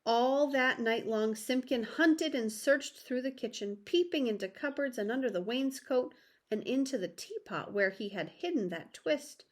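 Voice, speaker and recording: Slow, expressive storytelling woman. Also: a little high. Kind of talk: children's read-aloud narration.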